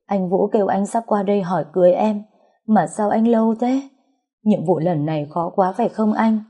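A woman's voice: mid-range voice, normal speed, warm tone, slightly rough, close to an everyday voice. A woman voicing a grief-stricken pregnant young woman who pleads through sobs. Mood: longing. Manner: sobbing, pleading.

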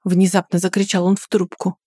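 A woman reading a first-person story aloud in a quiet, restrained way. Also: fairly low pitch, completely flat delivery, brisk, dry recording, studio quality. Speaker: audiobook narrator.

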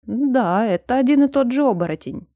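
A woman voicing a kindly, fussy retired old male scholar who talks in a warm, bustling, welcoming way. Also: a little high, expressive, moderate pace, no echo, studio quality, pitched above the performer's own voice, lightly acted. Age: older.

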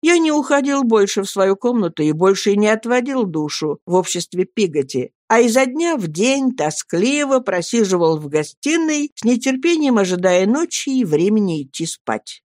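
A woman reading a novel aloud as narrator, in an even, measured manner. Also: medium pitch, no room sound, clean studio sound.

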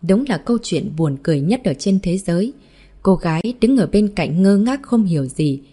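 Woman reading an audiobook, low soft warm voice, steady and even. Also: moderate pace, slightly rough. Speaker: audiobook narrator. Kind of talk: scripted novel narration.

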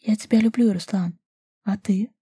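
A woman's voice: mid-range voice, steady tone, moderate pace, warm tone, breathy edge, no room sound, studio quality. A woman voicing a bold, teasing young woman who presses her lover with questions, in a storybook reading.

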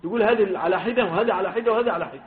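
A man's voice: high-pitched, rapid-fire. A man with an Egyptian Arabic accent teaching a hadith lesson, stressing the quoted wordings and putting questions to his students. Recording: phone-like lo-fi recording.

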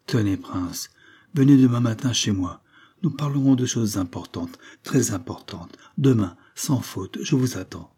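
A man's voice: on the low side, a little slow, warm tone, slightly rough. A man reading as an earnest, honorable viscount. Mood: troubled, urgent.

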